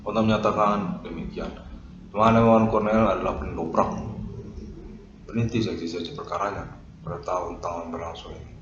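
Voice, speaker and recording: A man reading a stiff, repetitive formal statement with long pauses. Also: low-pitched, fairly even intonation. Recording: lo-fi roomy recording with noise.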